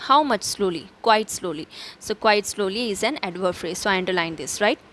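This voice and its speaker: A woman's voice: mid-range voice, lively intonation, brisk, fairly bright tone, slight background noise. A woman teacher explaining grammar step by step, asking and answering her own questions, with fillers and self-corrections. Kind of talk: recorded grammar lesson.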